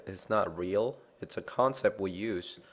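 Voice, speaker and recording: A man's voice: sits low, unhurried. A man teaching a chemistry lesson, explaining slides patiently and often checking in with "okay?".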